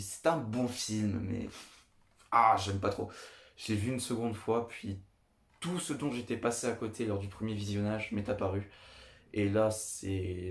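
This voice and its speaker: A man's voice: fairly low pitch, darkish tone. Chatty young man in echoey room. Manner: enthusiastic, repetitive, chatty. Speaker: video host. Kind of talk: casual film review monologue.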